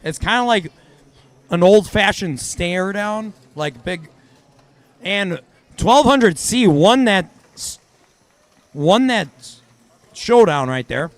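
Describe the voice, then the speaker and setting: A man commentating on a robotics match in a loose, halting play-by-play way. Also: high voice, expressive, dry recording. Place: event hall.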